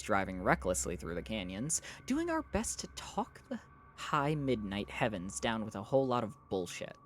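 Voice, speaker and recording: A streamer reading a novel aloud live, trading exasperated retorts with chat between passages and dropping lower and slower for the narration. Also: a little hiss or hum. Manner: argues back at chat in exasperated bursts.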